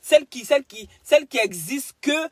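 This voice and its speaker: A woman ranting at someone in a clash video, scolding and insulting, swinging between loud outbursts and mutters, with bits of broken English. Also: high voice, lively intonation, moderate pace, no echo. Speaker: social media commentator.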